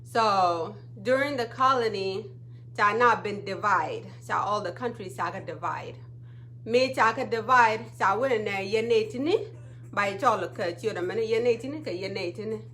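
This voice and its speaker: A woman's voice: mid-range voice, normal speed, bright, forceful tone, slight background noise. Chatty woman livestream host. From Ethiopia. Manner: chatty, often checks in with "okay?". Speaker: livestream talk show host. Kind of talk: casual live stream talk.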